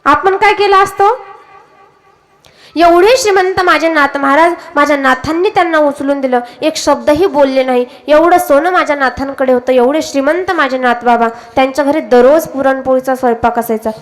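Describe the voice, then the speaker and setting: High-voiced woman preaching a kirtan. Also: brisk, few pauses. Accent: Marathi. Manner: storytelling, questions the audience directly. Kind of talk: devotional kirtan sermon.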